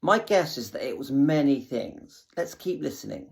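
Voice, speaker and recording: A man's voice: mid-range voice, very animated, normal speed, gravelly, darkish tone, a little hiss or hum. Man casually commenting on vintage footage. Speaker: host commenting on archive footage.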